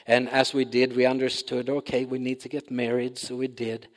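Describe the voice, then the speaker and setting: A man in his sixties speaks English with a Swedish accent, his voice sitting at a middle pitch. He addresses a church as a visiting missionary, earnest and halting, often stopping to restart a thought. His words ring out with the long reverb of a big sanctuary. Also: monotone. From Sweden. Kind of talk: church talk. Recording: long reverb of a large hall.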